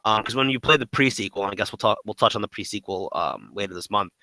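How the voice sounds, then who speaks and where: A man with a bright, forward voice talks through game memories in casual podcast chat. He is animated and laughs easily, and the recording sounds dry and close. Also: on the low side, fast, no echo, rough recording. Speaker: podcast co-host.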